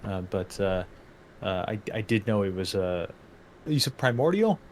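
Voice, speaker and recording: A man's voice: lowish voice, sing-song, a little slow, slight background noise. A man playing a tabletop game, speaking hesitantly with many fillers and restarts. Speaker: player. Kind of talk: casual chat at a game table.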